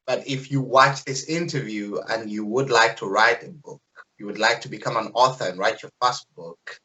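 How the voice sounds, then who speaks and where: A man's voice: lowish voice, sharp tone, low-quality recording. A man hosting an interview, enthusiastic and encouraging toward his guest. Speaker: interview host.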